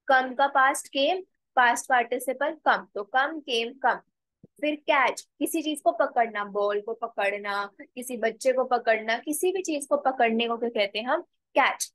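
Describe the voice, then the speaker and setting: A woman teaching a spoken language lesson, slowly repeating words and spelling them out letter by letter. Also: high voice, no echo, poor audio. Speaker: English teacher.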